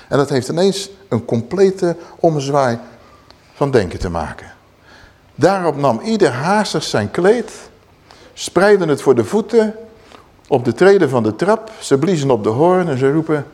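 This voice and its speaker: A man's voice: mid-range voice, a little mellow. A middle-aged man preaching a sermon, retelling a Bible story vividly with blunt, colloquial asides.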